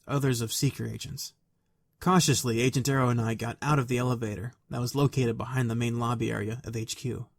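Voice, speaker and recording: A man narrating a fan story aloud in a quiet, even, soft-spoken way. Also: mid-range voice, dry recording.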